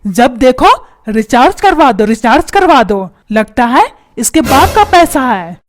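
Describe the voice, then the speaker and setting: Cartoon dad, hot-tempered, mocking, woman voicing him, squeaky high, lively. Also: a little slow, slight background noise. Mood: angry scolding. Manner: scolding, shouting orders, repeats words mockingly. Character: short-tempered stingy middle-aged father. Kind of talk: cartoon comedy voice acting.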